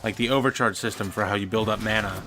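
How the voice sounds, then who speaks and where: A man's voice: fairly low pitch, fairly even intonation, fast talker, music in the background. A man casually chatting and giving opinions while playing a video game, swearing now and then. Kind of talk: casual gameplay chat.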